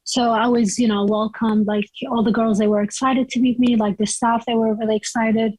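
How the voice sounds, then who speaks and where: A woman's voice: a little high, little pitch movement, normal speed, darkish tone, no room sound, low-quality recording. A young woman from Iraq, chatting as an interview guest and telling her story loosely, with lots of "like" and "you know.".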